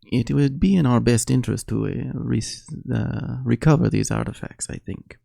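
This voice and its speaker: A man's voice: mid-range voice, moderate pace, gravelly, dark tone, dry recording, clean studio sound. A man voicing a practical young noblewoman in a tabletop game, formal and hesitant.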